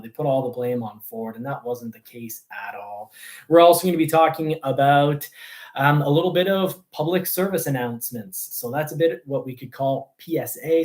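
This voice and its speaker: In a casual livestream chat, a car news host rambles and halts as he talks. He is a native French speaker with a mid-range, somewhat dark voice.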